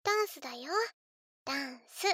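High-voiced, eerily sweet little girl Alice. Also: lively intonation, moderate pace, bright, forceful tone, no room sound, clean studio sound. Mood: wistful, sweet. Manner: cutesy, coaxing, childlike, refers to herself in third person. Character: spoiled, eerily sweet little girl treating a captive as her doll. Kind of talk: scripted role-play addressed to the listener.

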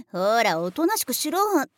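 A young woman acting out a rough-talking, bossy big sister in an adult audio role-play drama, blunt and boyish with teasing laughs and some whispered lines. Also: a little high, dry recording, studio quality.

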